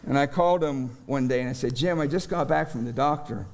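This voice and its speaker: A middle-aged male pastor preaching a sermon, telling a personal story slowly and deliberately, rising with emphasis at key moments. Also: medium pitch, slight background noise. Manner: storytelling, slow and deliberate with animated rises.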